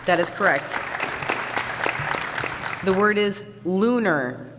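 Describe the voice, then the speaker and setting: Slow, measured woman announcing spelling words. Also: mid-range voice. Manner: measured, even, precise diction. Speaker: spelling bee pronouncer. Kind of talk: formal word announcing. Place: large school hall. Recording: echoey hall, loud crowd noise.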